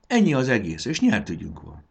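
A man voicing a clever, bold young boy in a storybook, brisk and confident. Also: mid-range voice, huge pitch swings, vocal fry, slightly rough, voice pushed up, full character voice.

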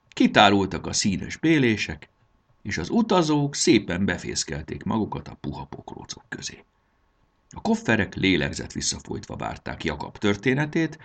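A man narrating a children's storybook in a deep, gravelly voice. He reads expressively, with big swings in pitch. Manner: expressive, animated reading. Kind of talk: storybook reading.

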